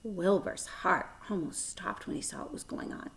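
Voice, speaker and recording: A woman reads a children's book aloud as a storyteller, expressive and dramatic in her emphasis, with her volume rising and falling. Her voice is lowish and her speed normal.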